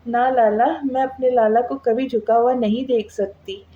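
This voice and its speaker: A woman's voice: on the high side, steady tone, unhurried, lo-fi sound, natural voice. A woman voicing a pampered, sulky little sister who pouts and clings in a read-aloud novel. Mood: pouty. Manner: pouty, clingy.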